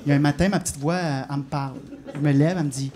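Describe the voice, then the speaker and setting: A man's voice: fairly high pitch, steady tone, rapid-fire. A man with a Québécois French accent doing live stand-up comedy, telling self-mocking stories and confiding in the crowd. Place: comedy club stage before a live audience. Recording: live show with loud audience laughter.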